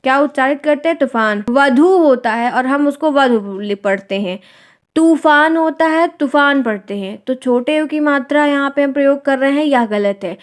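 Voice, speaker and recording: A high-voiced woman runs a language exam-prep class, pronouncing each example word slowly and twice. She puts questions to the class and answers them herself, mixing English words into her speech.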